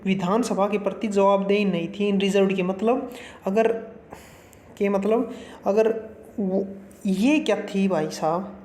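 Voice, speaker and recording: A man runs a casual exam-prep lesson, chatting folksily and slipping English terms into his explanations. His voice is mellow and warm. The recording has a roomy echo. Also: high voice. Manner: folksy, chatty, calls the viewer brother; mixes Hindi with English terms.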